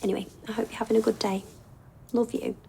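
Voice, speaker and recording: A woman's voice: a little high, flat delivery, fast, gravelly, a little hiss or hum. An actress playing a woman who leaves a hesitant, affectionate voicemail for her partner, heard as a recording over a phone line. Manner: hesitant, gently rambling.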